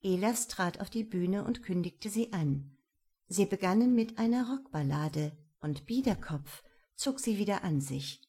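A woman narrating a novel as an audiobook, with steady, clear storytelling. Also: medium pitch, unhurried.

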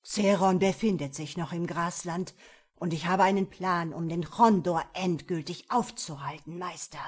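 Woman doing a dark sorcerer, servile, scheming, loud, slow spell chants, storybook. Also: fairly low pitch, husky. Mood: deferential. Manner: deferential, scheming. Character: dark male magician, servile to his master.

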